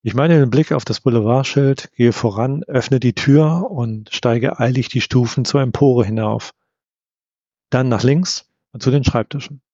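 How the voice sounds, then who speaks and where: A man narrating a first-person audiobook in a measured storytelling manner. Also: mid-range voice, a little mellow, no room sound. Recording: dull, slightly lo-fi.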